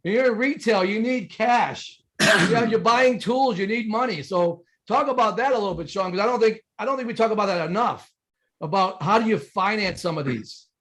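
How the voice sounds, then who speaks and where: A man's voice: high-pitched, a little fast, a bit bright. A man hosting a casual interview, enthusiastic and hyped, tossing in "baby" and "my man". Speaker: host.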